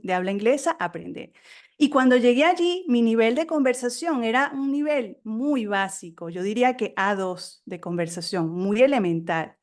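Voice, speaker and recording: A middle-aged woman, a native Spanish speaker, being interviewed as an author on a podcast, telling stories in a talkative, animated way. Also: mid-range voice. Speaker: guest author.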